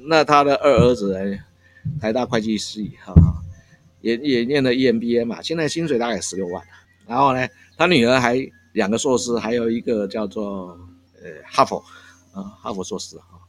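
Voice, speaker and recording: A man's voice: medium pitch, normal speed. A man, a café owner telling family stories in a casual interview, chuckling often between phrases. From Taiwan. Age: 60s. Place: countryside coffee shop. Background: faint jazz from shop speakers.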